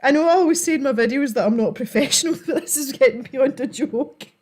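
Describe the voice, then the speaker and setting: Scottish lady streamer, highish voice, giggly casual chat with her viewers. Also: fast, a little mellow. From Scotland. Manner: giggly, informal, chatty. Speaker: livestream host. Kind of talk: casual chat to a live audience.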